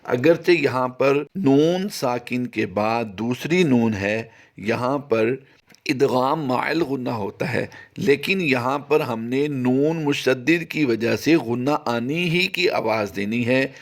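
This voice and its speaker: Man, tajweed teacher, very slow, mid-pitched, chants sample words drawn out. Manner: slow, patient explanation, chanting the sample words long and high. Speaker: Quran reading teacher. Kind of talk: recorded tajweed lesson.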